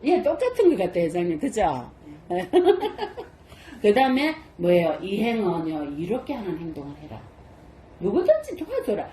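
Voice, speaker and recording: An older woman, a Buddhist nun and temple abbot, gives a lively dharma talk and keeps asking her listeners questions. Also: on the low side, quick pace, hardly any pauses, a little hiss or hum. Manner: lively, asks the audience many rhetorical questions. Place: temple hall. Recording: roomy echo.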